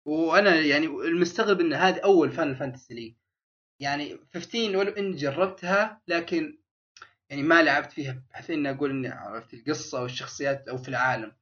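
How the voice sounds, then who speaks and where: A man's voice: mid-range voice, a bit bright. A man chatting casually as a podcast host, rambling and restarting his sentences. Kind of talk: casual chat. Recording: dull lo-fi sound.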